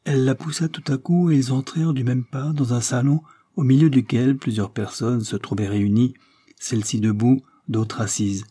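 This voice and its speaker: A man narrating a classic novel in a measured, even storytelling manner. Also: medium pitch. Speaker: audiobook narrator.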